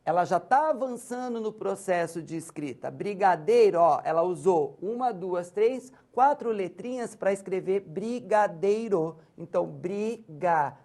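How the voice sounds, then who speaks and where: Slow, patient woman lecturer with a Brazilian accent. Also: mid-range voice, expressive, warm tone. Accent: Brazilian Portuguese. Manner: patient and explanatory, often pointing to examples and checking in with listeners. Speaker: university lecturer. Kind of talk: recorded lecture on literacy.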